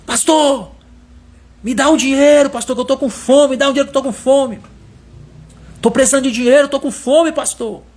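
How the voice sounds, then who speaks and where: A man putting on a loud, demanding beggar. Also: very high-pitched, moderate pace, long pauses, pitched above the performer's own voice. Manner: loud, insistent pleading.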